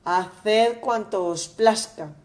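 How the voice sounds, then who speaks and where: A woman's voice: medium pitch, drawn-out words, darkish tone. A woman voicing a stubborn young son who answers his father in curt, defiant replies.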